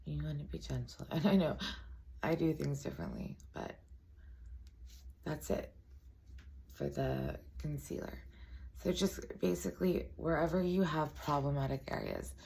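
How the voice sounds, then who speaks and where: A woman with a raspy voice giving a casual makeup tutorial, chatty and full of self-deprecating asides. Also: low voice, unhurried, long pauses, warm tone.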